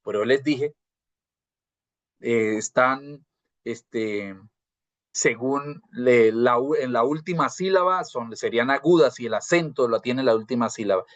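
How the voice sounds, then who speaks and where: A university teacher gives a live grammar lecture over a video call, his medium-pitched voice moving at a measured pace. He poses rhetorical questions, checks in with "¿cierto?", and often repeats and restarts words while explaining. The audio is dry and slightly dull, typical of a video call.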